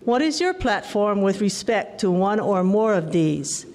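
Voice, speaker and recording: A woman's voice: medium pitch, sing-song, a little slow, a little mellow. A woman moderating a community candidate forum, reading out the rules and the questions in a formal, orderly way. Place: indoor community meeting room.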